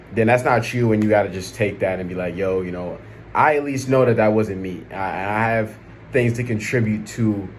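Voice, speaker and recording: A low-pitched American man speaks in a casual, slangy vlog style. He rambles through his opinions conversationally, checking in with the listener often. There is some background noise behind him. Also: a little mellow. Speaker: vlog host.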